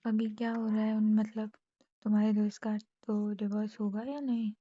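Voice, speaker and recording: A young woman speaks softly on a phone call, her voice breathy and warm, a little high. She teases gently and often sinks almost to a whisper. The sound is dull and muffled, like a phone line. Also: little pitch movement, normal speed, dry recording. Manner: soft-spoken, teasing, often near a whisper. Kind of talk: intimate phone conversation.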